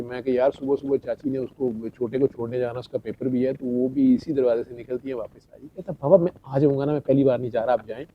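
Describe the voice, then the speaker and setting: A middle-aged man tells a story to a gathering, chatty and anecdotal, acting out each line of dialogue. His voice is gravelly and sits at an ordinary pitch. The recording sounds dull and lo-fi. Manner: anecdotal, chatty, quotes dialogue, laughs between lines. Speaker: speaker addressing a gathering. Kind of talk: storytelling talk.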